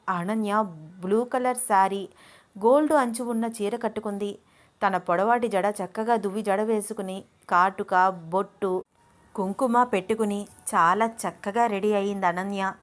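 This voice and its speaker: A woman's voice: mid-range voice, normal speed. A woman narrating a romance story in storyteller style, doing each character's lines herself. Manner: voices every character herself, lively.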